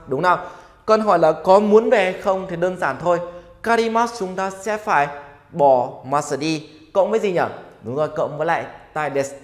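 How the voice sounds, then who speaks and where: Upbeat male teacher in an echoey room. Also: on the high side. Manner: upbeat, asks students questions and has them repeat. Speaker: Japanese language teacher. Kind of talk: grammar lesson for Vietnamese learners. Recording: echoey room with long reverb.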